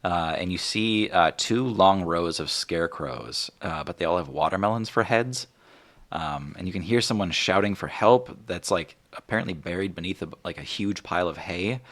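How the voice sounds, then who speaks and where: A man's voice: sits low, moderate pace, fairly bright tone. A man narrating a tabletop game as game master, casual and full of fillers.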